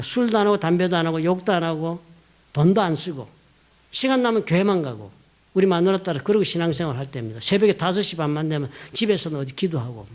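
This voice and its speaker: A middle-aged South Korean pastor preaches a sermon in a church sanctuary, telling personal stories with lively emphasis. His delivery is animated, with rising, emphatic pitch, and he quotes other people.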